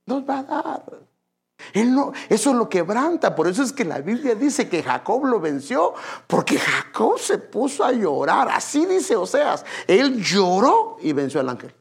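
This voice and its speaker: A man's voice: sits high, creaky, husky. A man preaching an evangelical sermon, emphatic and constantly addressing his listeners as brother.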